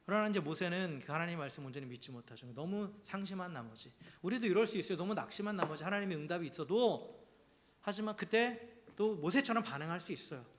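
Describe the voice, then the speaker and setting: A man's voice: high voice, animated, fast, slight background noise. A man preaching a Sunday sermon in church, talking conversationally and often checking in with his congregation. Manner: swings between emphatic and hushed, near-whispered delivery. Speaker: pastor. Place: church during a Sunday service.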